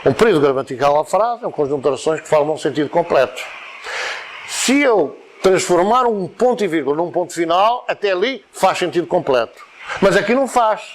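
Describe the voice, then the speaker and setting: A man with a European Portuguese accent gives an informal talk to a study group. His voice sits a little high and swings widely in pitch as he explains. He drifts between points, repeats words and reaches for examples, with a faint hiss behind him. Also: lively intonation, fairly quick. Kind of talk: informal spoken lecture.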